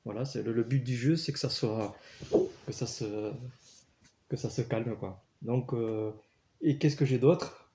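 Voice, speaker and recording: A man's voice: mid-range voice, unhurried, warm tone. A man casually telling personal stories, earnest, with many fillers and restarts. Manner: earnest, storytelling. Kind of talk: casual spoken testimony.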